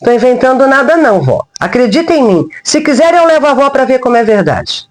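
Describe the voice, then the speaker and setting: A woman's voice: high voice, big pitch swings, brisk, poor audio. Woman doing a timid mischievous little boy. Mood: pleading. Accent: rural Brazilian.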